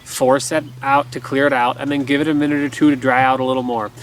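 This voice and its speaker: A man's voice: mid-range voice, level tone, fast talker. A man in his thirties giving a casual, easygoing instructional talk in an explanatory way. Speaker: duck call instructor. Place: outdoors in a garden by woods. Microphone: camera a few feet away. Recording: outdoor camera audio with background noise.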